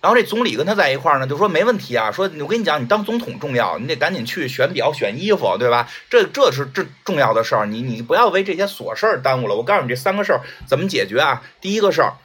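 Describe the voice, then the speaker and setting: A man's voice: on the high side, sing-song, quick pace, few pauses, a bit bright, slight background noise. A man hosting a livestream, chatting casually and retelling a story, acting out the characters' lines with lots of fillers. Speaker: livestream host.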